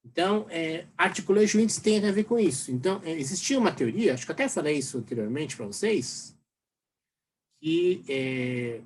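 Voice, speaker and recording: A man's voice: fairly high pitch, expressive, moderate pace, slightly rough. A Brazilian man teaching a university lecture in a rambling way, full of fillers and tag questions. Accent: Brazilian Portuguese. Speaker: university professor. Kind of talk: recorded lecture.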